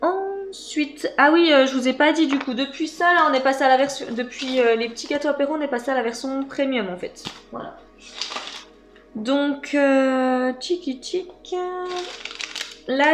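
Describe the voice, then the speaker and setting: A woman chatting casually as she unboxes snacks for her channel, hesitant and full of fillers. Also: sits high. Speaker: vlogger.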